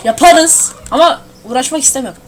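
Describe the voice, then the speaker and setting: A young woman giving casual gameplay commentary at her home computer, excitable and swearing at the game. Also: sits high, a little fast, a little hiss or hum. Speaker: gamer streaming a shooter.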